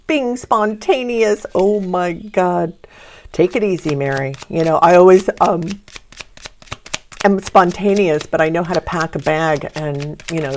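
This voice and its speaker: A woman's voice: lowish voice, a little hiss or hum. Chatty woman giving a tarot reading. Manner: chatty, spiritual, upbeat and warm-toned with laughs. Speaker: tarot reader. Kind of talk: casual tarot reading to camera.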